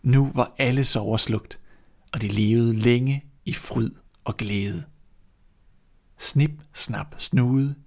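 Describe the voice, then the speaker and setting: Male storyteller, mid pitch, measured and expressive fairy-tale narration. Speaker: storyteller, podcast host.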